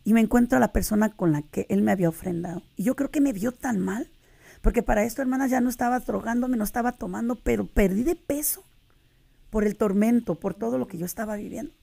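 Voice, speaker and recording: A woman's voice: on the high side, quick pace, gravelly, warm tone. A middle-aged woman telling her faith testimony on a radio interview, earnest and addressing listeners as sisters. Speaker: guest giving a testimony.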